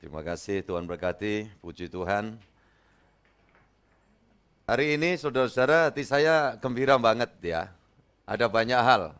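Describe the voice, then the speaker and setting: A man from East Java preaching a lively sermon as pastor, acting out dialogue in a raised voice. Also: lowish voice, moderate pace, pauses often, smooth. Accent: Indonesian, East Java.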